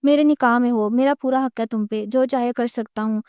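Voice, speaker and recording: A woman's voice: on the high side, fairly even intonation, warm tone, clean tone, dry recording, clean studio sound, lightly acted. A woman voicing a stern, possessive young husband in a romance story, speaking harshly.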